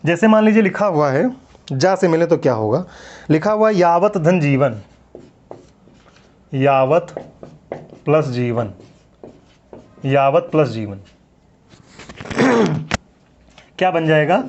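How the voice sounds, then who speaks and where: A man teaching a Hindi grammar lesson, his voice a bit higher than most. He keeps asking a question and then answering it himself, drawing out the words as he repeats them. The recording sounds dull and lo-fi. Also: lively intonation, a little mellow, a little hiss or hum. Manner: drawn-out repetition of words. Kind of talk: classroom lecture.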